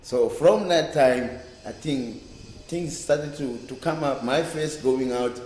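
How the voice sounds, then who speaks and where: His mid-range voice a little mellow, a reggae bass player in his fifties from a Cape Town township in South Africa rambles through memories, halting and repeating words. This is a casual oral-history interview recorded in an echoey library room.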